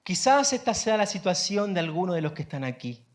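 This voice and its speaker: A man's voice: sits high, big pitch swings, brisk. A man preaching a sermon as pastor, asking the congregation questions and building up to emphatic phrases.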